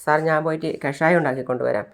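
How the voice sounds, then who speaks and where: A storyteller doing a caring young woman from a television serial, soft at first but quietly insistent as she coaxes, with barely any change from the plain retelling voice. The pitch sits at a middling height. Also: steady tone, racing, creaky, lightly acted. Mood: earnest.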